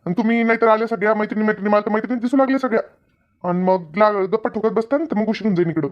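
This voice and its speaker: In a Marathi comedy cartoon, a performer voices a practical, good-natured farm owner who nags and instructs his workers in a colloquial Maharashtrian accent. The lightly acted mid-range delivery races along, and the recording sounds muffled.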